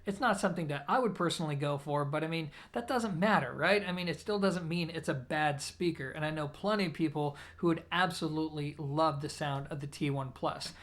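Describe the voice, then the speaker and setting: Talking straight to the camera, an audio gear reviewer compares products in a casual, chatty way. The mid-range voice is a bit bright and moves a little fast, with few pauses.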